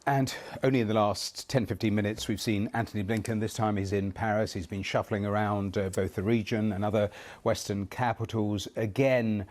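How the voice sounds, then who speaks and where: A man's voice: lowish voice, steady tone, moderate pace, darkish tone. A man anchoring a news broadcast, summarizing and putting a question to a correspondent.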